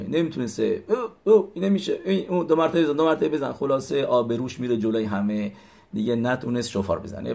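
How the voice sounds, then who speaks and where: A man tells a religious story in an even middle register. He stops and restarts often. He raises his voice to act out what his characters say. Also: medium pitch, vocal fry. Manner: halting, with many fillers and restarts. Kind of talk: retelling religious stories to listeners.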